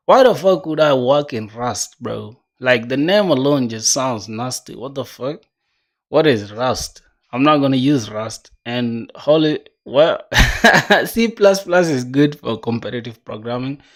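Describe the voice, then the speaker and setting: A man in his twenties chatting casually on a coding livestream, laid-back and slangy, reading viewer comments aloud. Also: mid-range voice. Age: 20s. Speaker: streamer.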